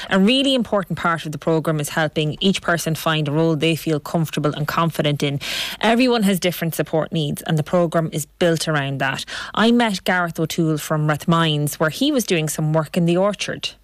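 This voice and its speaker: A woman reporting a radio feature, her voice a little low for a woman and recorded dry and close. She narrates the piece and puts gentle, encouraging questions to the people she meets. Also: animated, fairly quick, no echo.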